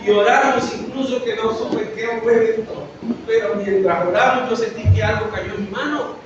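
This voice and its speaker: A man with a very high voice preaches an earnest, story-filled sermon, stretching out key words. He is picked up from far off in a hugely echoing room. The sound is dull and muffled, with steady noise behind him. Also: moderate pace. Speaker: pastor. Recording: echoey, dull, noisy from afar.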